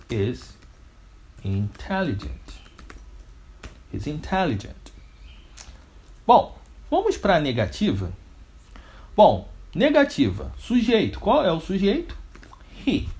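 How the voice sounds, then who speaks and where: A man's voice: a little high, a little mellow. A man with a Brazilian Portuguese accent teaching an English grammar lesson step by step, asking questions and answering them himself. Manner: didactic, step by step.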